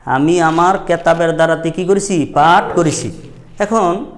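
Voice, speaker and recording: A man's voice: fairly high pitch, measured pace. A middle-aged man, teaching a grammar lesson at a madrasa and quizzing his students with repeated questions.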